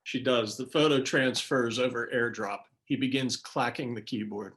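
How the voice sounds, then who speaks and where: A man's voice: mid-range voice, moderate pace. Man reading stage directions plainly. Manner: plain, even narration. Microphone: video call.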